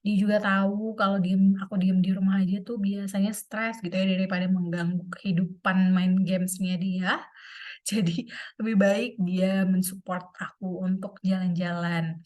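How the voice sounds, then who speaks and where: A young woman chatting casually to her viewers in a vlog, with many fillers and a relaxed, talkative manner. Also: medium pitch, moderate pace. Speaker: vlogger. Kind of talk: casual chat to camera.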